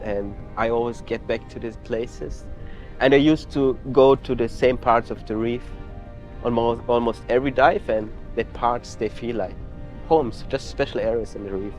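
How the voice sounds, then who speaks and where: A man from Austria working as a dive guide, speaking in a relaxed documentary interview and pausing to search for words. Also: medium pitch, soft background music.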